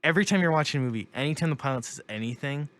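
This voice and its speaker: A man's voice: fairly high pitch, racing, fairly bright tone. A young man co-hosting a casual chat, rambling through stories and laughing often. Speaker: co-host.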